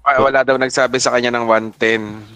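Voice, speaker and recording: Bright-voiced Filipino man chiming in. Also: mid-range voice, little pitch movement, brisk, clean tone. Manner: chimes in with short echoes and quips. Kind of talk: casual chat among friends.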